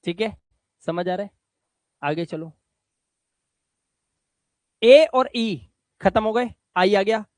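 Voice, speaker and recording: A man teaching English reading rules in a patient classroom style, sounding out example words slowly and repeating them. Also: sits high, darkish tone, no room sound.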